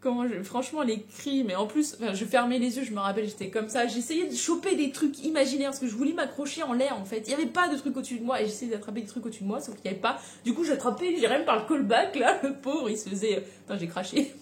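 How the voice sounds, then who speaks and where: A young woman telling a personal story in a casual, animated way, with slang and frequent laughter. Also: fairly high pitch, fast talker, few pauses. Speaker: vlogger.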